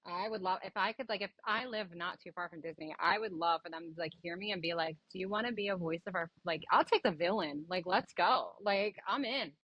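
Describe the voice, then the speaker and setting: Blunt low-voiced New woman. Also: a little fast, hardly any pauses, no echo, muffled recording. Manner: blunt, animated, swears freely. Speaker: podcast guest. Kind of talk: casual chat.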